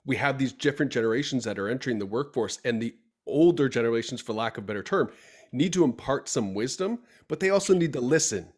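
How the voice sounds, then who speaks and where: A man's voice: mid-range voice, expressive, quick pace. A male podcast host talks casually in an everyday, mid-range voice. He tells stories at length. He acts out the lines of the people he quotes. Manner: storytelling, acting out quoted dialogue.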